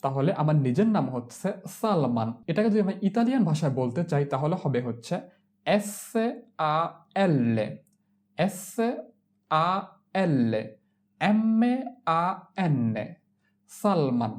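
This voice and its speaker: A woman's voice: deep voice, big pitch swings, a little slow, a little mellow. A woman teaching the Italian alphabet. She spells out each word letter by letter and repeats it three times before she gives its meaning. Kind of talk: slow spelled-out language lesson.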